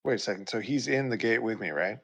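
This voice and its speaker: A man's voice: on the low side, fast talker, vocal fry, a bit bright. A man playing a tabletop game, playful and laughing, slipping into a mock-heroic tone in character. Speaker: player. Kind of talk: casual tabletop play, partly in character.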